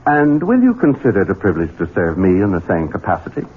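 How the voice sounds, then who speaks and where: A man plays a coldly cruel, scheming Southern heir, an adult son, in a 1970s radio drama, taunting and theatrical with a sly, insinuating menace. His low voice swoops wildly in pitch at a quick pace. The audio is tinny and band-limited with hiss.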